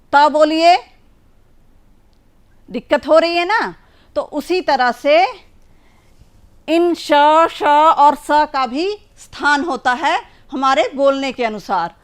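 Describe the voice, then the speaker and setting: A woman teaching a children's language lesson, patiently drawing out each sound and word for young pupils. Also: sits high. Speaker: primary school teacher.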